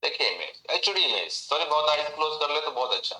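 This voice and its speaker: A man teaching an online memory class, animated and talking straight to students by name while mixing English phrases into his Hindi. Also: fairly high pitch, a little fast, echoey room, low-quality recording.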